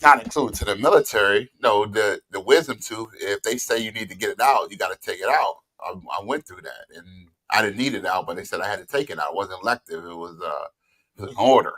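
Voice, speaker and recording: A man's voice: on the low side, fast talker, bright, forceful tone. A man, a military veteran, talking casually on a panel and often filling his speech with "you know what I mean.". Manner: conversational, hedging with frequent fillers.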